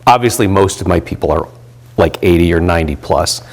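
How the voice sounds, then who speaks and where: A man's voice: low-pitched, brisk. A man in his fifties, a volunteer pastor, talking reflectively in an interview with many fillers and restarts. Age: 50s.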